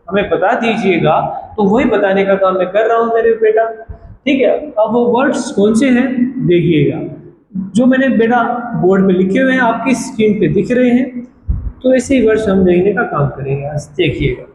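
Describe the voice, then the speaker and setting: Male teacher, high voice, lecturing in a roomy classroom with noise behind. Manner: repeats questions to students, calls them beta. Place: classroom with a board. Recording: echoey room with background noise.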